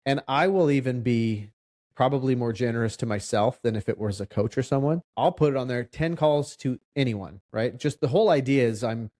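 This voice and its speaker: A man, a loan officer, talking casually on a podcast and explaining his points with examples and quick asides. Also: mid-range voice, a little mellow.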